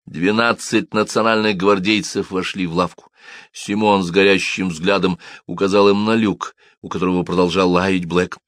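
A man narrating an audiobook in an expressive, dramatic reading style. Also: low voice, normal speed, no echo, studio quality.

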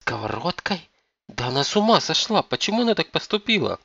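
A man voicing a shocked adult daughter who fires off excited questions. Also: medium pitch, brisk, dry recording, muffled recording, pitched above the performer's own voice.

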